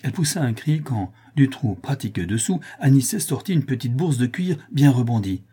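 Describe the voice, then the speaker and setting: A man reading a historical novel aloud at a measured pace, voicing every character. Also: medium pitch, expressive, mellow, slightly rough. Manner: measured, voices all the characters. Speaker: audiobook reader. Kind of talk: scripted narration.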